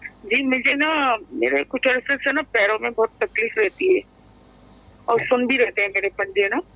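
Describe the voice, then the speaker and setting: A woman's voice: fairly high pitch, no echo. A woman calling in to a radio show over a choppy phone line that keeps breaking up and cutting out, saying hello again and again. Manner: halting, repeats hello over a bad line. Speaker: caller to a radio health show. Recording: dull, dry phone-line sound.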